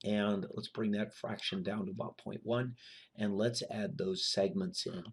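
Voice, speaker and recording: Low-voiced man narrating a software tutorial. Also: a little slow, slight background noise. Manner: relaxed, many "um"s, talks while demonstrating. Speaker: instructor.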